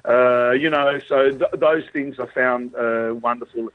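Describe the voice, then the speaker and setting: A middle-aged man with a broad Australian accent and a husky voice, chatting casually and telling anecdotes as an animated interview guest. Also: medium pitch, a little slow, no room sound. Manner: animated storytelling, acts out quoted remarks. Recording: tinny phone-like line.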